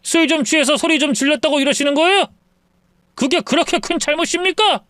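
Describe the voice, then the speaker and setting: A man voicing a drunk, self-pitying young husband who pleads in a slurred, drawn-out way. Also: very high voice, fairly bright tone, no room sound, clean studio sound, pitched above the performer's own voice. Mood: drunk pleading.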